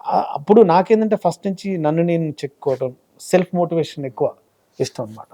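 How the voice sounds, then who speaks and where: A man's voice: on the high side, fairly quick. A man in his thirties from Telangana, a comedian and mimicry artist, telling his story in a casual interview. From Telangana, India. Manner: animated storytelling, acts out quoted voices.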